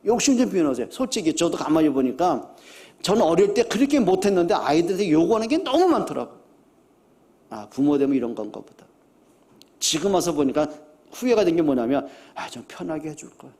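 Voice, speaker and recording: A middle-aged man preaching a sermon as pastor, talking earnestly and conversationally, repeating his exhortations and moving between hushed and loud emphatic lines. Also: fairly high pitch, big pitch swings, fairly quick.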